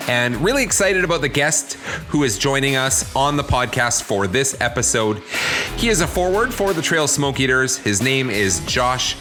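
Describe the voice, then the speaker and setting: A man hosting a podcast interview, asking questions in an upbeat, lively way. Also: medium pitch, normal speed, soft background music. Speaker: podcast host.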